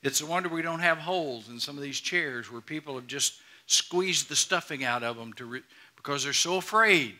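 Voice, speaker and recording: Preaching to his congregation from the stage of a big church auditorium, this middle-aged pastor has a pushed, bright voice on the high side. He is earnest and emphatic, frequently circling back to repeat and restart phrases.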